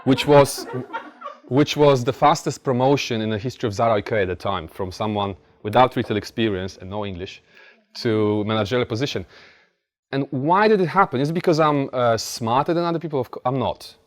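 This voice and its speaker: The brisk, mid-range voice belongs to a Polish-accented motivational speaker from Poland talking to a live audience. He's plainspoken and casual, telling stories and repeating key lines forcefully.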